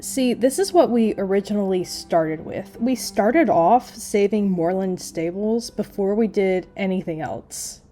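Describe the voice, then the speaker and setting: Chatty young woman with a mellow voice. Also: medium pitch, animated, soft background music. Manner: chatty, lots of "like", quick asides and laughs. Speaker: gaming YouTuber. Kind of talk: casual gameplay commentary.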